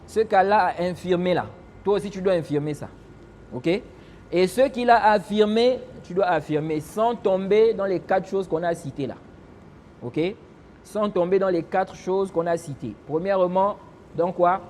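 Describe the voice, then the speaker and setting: A man with a rather high voice teaches a religious lesson, putting rhetorical questions to his listeners and answering them. He breaks into recited Arabic phrases between explanations. Faint background noise and the odd passing vehicle can be heard. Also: moderate pace, darkish tone. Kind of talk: explaining a classical text in a lesson.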